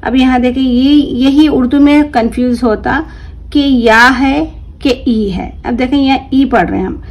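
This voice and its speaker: A woman's voice: high voice, unhurried. A woman teacher giving an online language lesson, patiently reading word lists aloud and stretching and repeating each word. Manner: patient, instructive, checks in with "ठीक है". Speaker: Urdu teacher.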